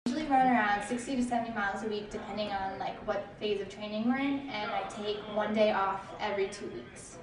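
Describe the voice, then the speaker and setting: A woman's voice: mid-range voice, fast, few pauses, loud music behind the voice, rough recording. A woman of twenty-one, a college runner, speaking in a friendly, upbeat way with a few fillers in a documentary interview.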